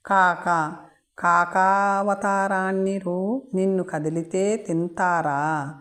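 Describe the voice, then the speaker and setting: A woman's voice: on the low side, animated, slow pace. A woman doing a raving, taunting madman. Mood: raging. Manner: rambles in proverbs, taunts, sings lullabies. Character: raving mad man, defiant and mocking.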